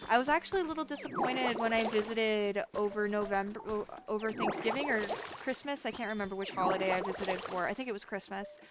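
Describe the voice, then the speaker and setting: A woman's voice: medium pitch, fast talker, hardly any pauses, heavy background noise. A woman streamer chatting casually and profanely with her viewers, laughing often. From South Florida. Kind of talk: casual livestream chat with viewers. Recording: loud background music. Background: loud music.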